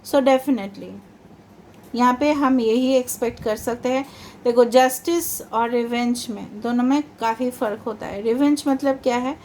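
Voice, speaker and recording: A woman's voice: fairly high pitch, measured pace, a little mellow, a little hiss or hum. A woman giving a tarot reading, chatty and reassuring, often mixing English into her talk. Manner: chatty, reassuring, mixes English into Hindi, repeats "theek hai". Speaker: tarot reader.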